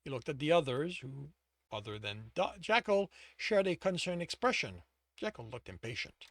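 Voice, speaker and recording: A man's voice: medium pitch, very animated, normal speed, fairly bright tone, no echo. Man reading his fantasy story aloud. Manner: self-correcting as he reads. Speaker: author reading own story. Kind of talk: audiobook narration.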